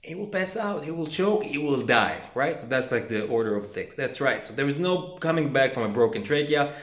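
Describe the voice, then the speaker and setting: Male instructor coaching trainees, energetic Q-and-A delivery, recorded in an echoey gym. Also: mid-range voice, fairly quick. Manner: energetic question-and-answer teaching. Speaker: self-defense instructor.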